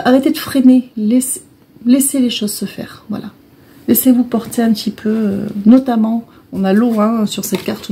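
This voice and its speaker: A woman's voice: a little high, mellow, breathy edge. A woman giving a casual oracle card reading, explaining each card in a repetitive, hesitant way. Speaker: tarot and oracle card reader.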